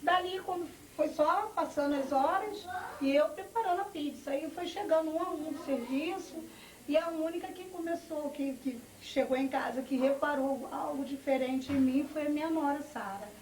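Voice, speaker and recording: A woman's voice: high voice, normal speed, a little mellow, slight background noise. A middle-aged woman giving a personal testimony, telling her story with quoted family dialogue. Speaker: church testimony speaker. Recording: echoey, from far off, music behind.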